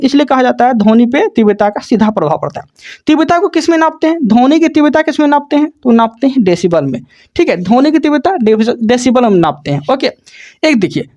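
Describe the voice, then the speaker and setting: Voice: high voice, darkish tone. A teacher giving an exam coaching lecture, repeating each point and asking and answering their own questions, with frequent check-ins to the students.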